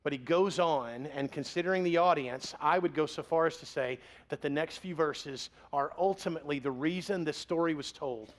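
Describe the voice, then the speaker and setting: A man's voice: on the high side, moderate pace, few pauses. A man in his forties preaching a sermon as pastor, in a conversational, joking way.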